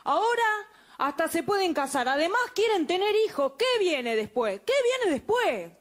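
A woman's voice: very high voice, big pitch swings, moderate pace, pitched above the performer's own voice. A woman mocking a scandalized churchgoer. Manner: mocking, exaggerated outrage.

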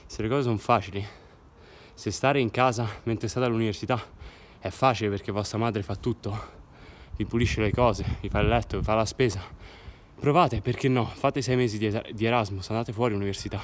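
A man's voice: on the low side, fairly even intonation, a little fast, slight background noise. A young man in his twenties talking casually to viewers in a fitness vlog, filmed on a handheld phone. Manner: upbeat, addresses viewers directly. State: out of breath after running. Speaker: fitness vlogger. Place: parked car, then outdoors on a street, then a kitchen. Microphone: phone camera at arm's length.

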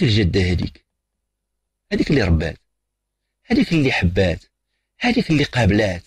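Husky Moroccan man lecturing on radio. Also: on the high side, no room sound. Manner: lecturing, mixes French phrases, emphatic repetition. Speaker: radio psychologist host. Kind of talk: call-in radio advice talk.

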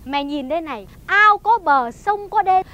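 An actress playing a sharp-tongued wife in a stage comedy sketch, with a Northern Vietnamese accent and a scolding manner. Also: female voice, animated, normal speed, highs cut off, heavily acted. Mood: furious. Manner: scolding, shrill tirades.

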